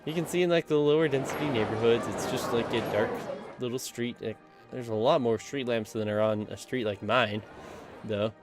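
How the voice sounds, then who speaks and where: A man's voice: medium pitch, normal speed, loud music behind the voice. A young man casually commenting on his gameplay, rambling with lots of fillers and breaking into giggles. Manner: giggly, laughs a lot and coughs from laughing. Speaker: gaming channel host.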